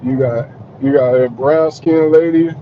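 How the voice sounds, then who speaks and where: A man's voice: medium pitch, a little slow. A man from South Carolina with a Southern accent, chatting casually in a live group conversation. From South Carolina, near Columbia, United States. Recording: muffled audio with faint vehicle noise.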